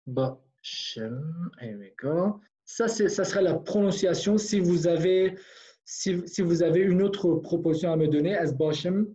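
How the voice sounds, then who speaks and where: A teacher giving an online language lesson, repeating each phrase slowly for learners and checking in often with a quick "ok?". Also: medium pitch, warm tone, muffled recording. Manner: explains patiently, checks in with "ok?".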